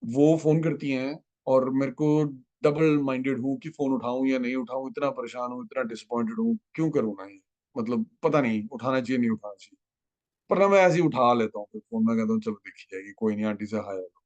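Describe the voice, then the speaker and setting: A man's voice: mid-range voice, fairly quick, a little mellow, muffled recording. A man sharing an emotional devotional testimony with a gathering, telling his story with feeling and slipping into English phrases.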